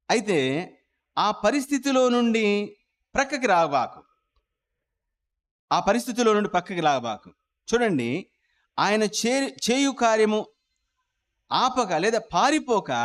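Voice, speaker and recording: A male preacher delivering a dramatic sermon, acting out pleading voices and calling on listeners to repeat after him. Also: high-pitched.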